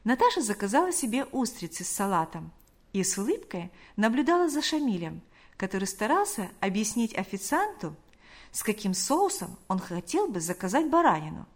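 A woman narrates an audiobook in a measured, expressive reading. Her voice sits at a middle pitch. She reads steadily through the story. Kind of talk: scripted narration.

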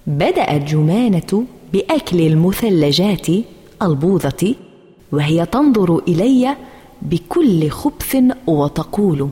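A woman reading a children's story aloud in a playful, animated first-person voice, with a long hall reverb on the recording. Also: on the low side, measured pace.

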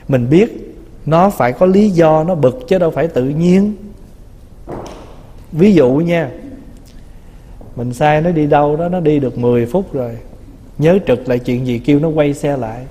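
A man's voice: on the high side, normal speed, long pauses, mellow. A man, a Buddhist monk, giving a conversational dharma talk, teasing and acting out little quoted remarks. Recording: long reverb of a hall.

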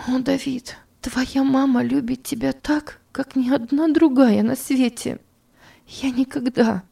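A woman's voice: high-pitched, creaky, dark tone, breathy edge, pitched above the performer's own voice, heavily acted. A woman reading an audiobook, voicing a grieving young mother who pleads through tears. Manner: pleading, breaking voice. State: crying. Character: young mother in deep grief, sobbing.

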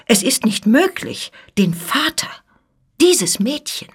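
A woman's voice: fairly high pitch, very animated, takes it slowly, slightly rough, voice pushed up, full character voice. A woman reading the part of an upright older noblewoman, pleading and indignant, in a radio reading of a story.

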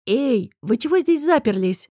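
A woman playing a shouting young female student. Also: high voice, animated, a little slow, dry recording, clean studio sound, voice pushed up. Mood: alarmed. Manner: yelling, alarmed. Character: excitable young female student, loud and bossy.

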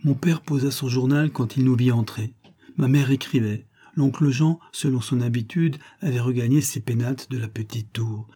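A man narrating a classic novel as an audiobook, reading expressively with hushed asides. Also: medium pitch, normal speed, breathy edge.

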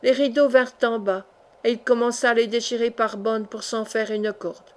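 A woman narrating a classic adventure novel in a measured, expressive audiobook reading. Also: a little high. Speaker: audiobook reader.

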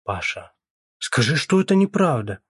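A man's voice: medium pitch, measured pace, no echo, studio quality, voice pushed up, close to an everyday voice. A man voicing an anxious pleading mother. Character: worried middle-aged mother, pleading and flustered.

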